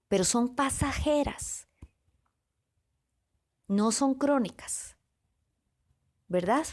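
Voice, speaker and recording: A woman motivational speaker giving a calm, reflective podcast talk, listing words one by one with pauses and often checking in with her listeners. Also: fairly high pitch. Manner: often checks in with the listener with a soft question tag. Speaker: motivational speaker on self-awareness.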